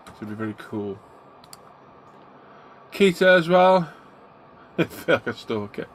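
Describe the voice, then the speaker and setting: Hosting a casual live stream from his hobby room, a middle-aged man chats and greets his viewers by name. His fairly high voice is expressive and unhurried, though he sounds congested and bunged up because he's coming down with a cold.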